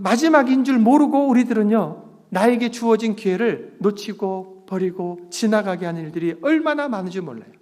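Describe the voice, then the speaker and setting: A man's voice: high-pitched, darkish tone. A middle-aged man preaching a sermon as pastor, earnest and emphatic, drawing the congregation into call-and-response. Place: church sanctuary. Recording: long reverb of a church sanctuary.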